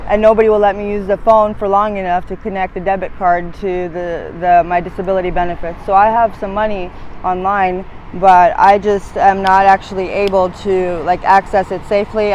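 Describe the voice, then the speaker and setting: A woman's voice: mid-range voice, level tone, normal speed, darkish tone, lo-fi sound, a little hiss or hum. A woman in her thirties interviewed on a city street, talking in long, hesitant, rambling stretches full of fillers. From United States, born in Latvia. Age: 30s.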